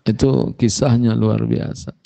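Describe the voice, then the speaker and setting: Male Islamic teacher, mellow dark tone, emphatic storyteller. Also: measured pace, gravelly. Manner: storytelling, animated pitch jumps for emphasis. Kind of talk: sermon. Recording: muffled lo-fi recording.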